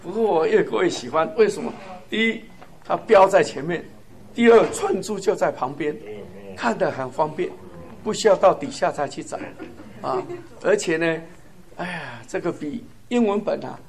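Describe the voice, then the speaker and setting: A man's voice: on the high side, animated, normal speed. A man giving a fervent sermon-style testimony, chuckling often and stressing points in lists. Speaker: church speaker.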